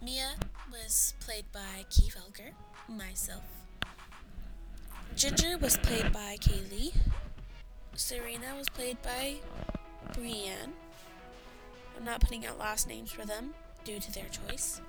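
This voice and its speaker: A woman reading the cast credits of her audio drama in a tired, soft-spoken way. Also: a little high, takes it slowly, gravelly, long pauses, over loud music. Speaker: show creator reading credits. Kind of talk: casual credits.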